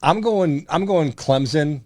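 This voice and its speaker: A man's voice: on the high side, lively intonation, slow pace, very noisy. A young man co-hosting a casual sports podcast, talking in a laid-back, rambling way. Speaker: podcast co-host.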